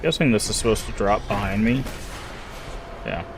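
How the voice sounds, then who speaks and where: Male gamer, lowish voice, relaxed playthrough commentary over audible background noise. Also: normal speed, creaky. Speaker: video game player commentator. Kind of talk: casual gameplay commentary.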